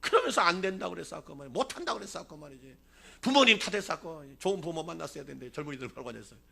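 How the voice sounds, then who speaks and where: A man's voice: on the high side, expressive, rapid-fire, vocal fry, crowd noise. A man in his sixties preaching a revival sermon as a pastor, calling for responses from the congregation and telling a fable along the way. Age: 60s.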